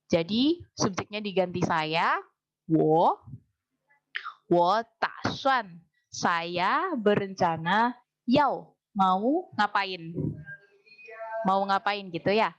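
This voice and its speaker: A woman teaching a language class. She explains things patiently, slows right down to drill phrases, and keeps quizzing her students. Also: mid-range voice, lively intonation, lo-fi sound. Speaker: Mandarin teacher.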